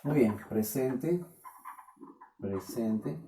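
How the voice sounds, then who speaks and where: A Peruvian man gives a math lesson in a classroom, stopping again and again to ask his students if they follow. His voice is very dark and mellow. It is picked up from some distance in a room with a lot of echo. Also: medium pitch, lively intonation, extremely slow. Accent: Peruvian Spanish. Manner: questioning, keeps checking with students. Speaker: math teacher. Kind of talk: classroom lecture.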